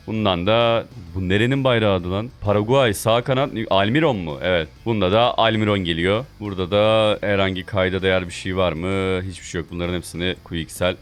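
A young man, a gaming video host, giving excitable play-by-play commentary on his own football game, often shouting at his players. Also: low voice, a little fast, few pauses. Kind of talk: live gameplay commentary.

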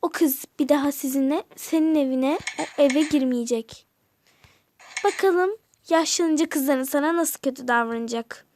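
A woman's voice: high voice, normal speed, a little mellow, slight background noise. A woman voicing a kind, caring aunt in a toy game role-play, affectionate and fussing over the children. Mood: fond. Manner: affectionate, fussing, calls everyone dear.

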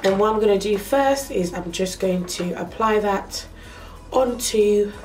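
Nasal from a cold, a young woman chats through a makeup tutorial one step at a time, sitting in a small bedroom with the camera right up near her face. Her medium-pitched delivery is slow and filler-laden. Faint background music plays, and the audio quality is rough.

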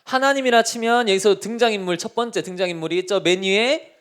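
A male pastor preaches a sermon to children in a lively way, constantly asking them questions. His voice is high-pitched and clean, and he speaks quickly.

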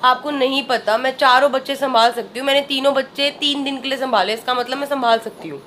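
A woman's voice: sits high, steady tone, quick pace, fairly bright tone, slight background noise. A young woman in a family vlog skit, arguing defiantly that she can handle the children. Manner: argumentative, defiant. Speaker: family vlogger. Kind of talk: scripted family argument skit.

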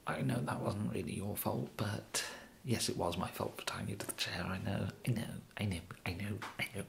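A young man from England performs a whispered ASMR roleplay as a bumbling, apologetic kidnapper with awkward politeness. He sounds flustered and apologetic, speaking in a hushed, low, breathy whisper that's halting and rambling, with a steady tone. The close mic carries a little hiss or hum.

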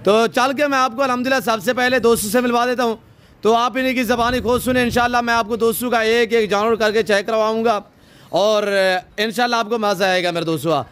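A man with a very high, steady, fairly bright voice talks fast outdoors among the goat pens of his farm. He owns the farm and vlogs it, speaking effusively and filling his talk with religious blessings as he interviews buyers and shows off his animals.

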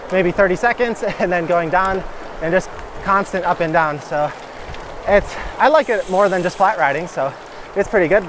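An American cycling vlogger from Michigan talks casually and enthusiastically while riding a bike on a gravel country road. His voice sits high against a noisy background, and his style is easygoing and informal.

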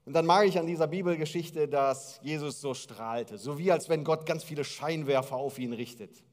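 Pastor, man, 40s: lively sermon delivery on stage, reverberant hall. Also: a little high, normal speed. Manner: lively, gesturing storyteller.

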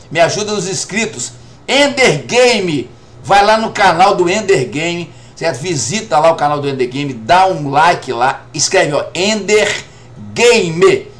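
A Brazilian man in his fifties chatting jokily to viewers on a live game stream, repeating "rapaz" over and over. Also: sits high. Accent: Brazilian Portuguese. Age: 50s. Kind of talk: live gameplay stream chat.

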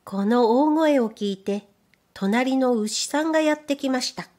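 Slow, gentle woman storyteller. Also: high voice. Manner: gentle, careful, measured. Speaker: reader and voice trainer. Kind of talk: storybook narration.

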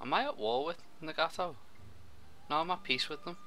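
A young man chatting while playing a co-op strategy game, excitable, with quick outbursts and laughs. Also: a little high, a crowd in the background. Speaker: co-op gameplay commentator. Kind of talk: casual gaming chat.

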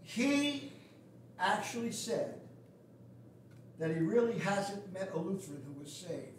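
Recorded from a distant camera at the back of the pews, an older man delivers a sermon as pastor in a small wooden sanctuary, blunt, folksy and sarcastic. His high voice is very animated and slow, the church echoes, and there's a little hiss or hum.

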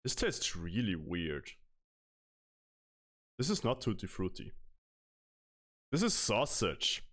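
A chatty young man from Austria talks into a headset mic in a small room at home. His voice sits a little low, and he laughs often as he reads out and answers his chat. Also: huge pitch swings, slow, fairly bright tone. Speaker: streamer. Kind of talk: casual live-stream chat. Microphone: headset microphone.

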